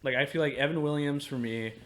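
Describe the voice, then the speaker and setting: A man's voice: a little high, fast, a bit bright. A man co-hosting a podcast, chatting casually while tasting whiskey, often restarting his sentences. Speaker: podcast co-host.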